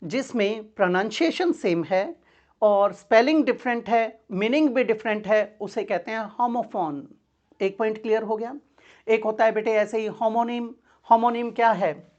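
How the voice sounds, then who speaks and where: A woman's voice: a little high, normal speed, darkish tone, lo-fi sound. A woman teaching an English grammar lesson for exam preparation, asking her class questions and answering them herself, calling her students "beta".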